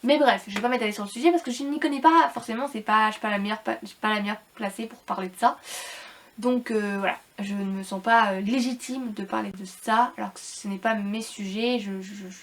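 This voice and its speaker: A woman's voice: mid-range voice, fairly quick. Hesitant woman reviewer, slightly robotic from illness. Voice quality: slightly robotic, hard-to-understand speech from illness. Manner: hesitant, repetitive, informal slangy phrasing. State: ill, speech affected. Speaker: book reviewer addressing viewers. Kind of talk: casual rambling book review to viewers.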